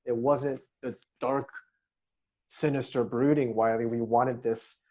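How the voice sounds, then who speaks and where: Mellow man telling stories on lo-fi line. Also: medium pitch, a little slow. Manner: relaxed storytelling with quoted asides. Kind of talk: casual reunion chat. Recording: dull lo-fi sound.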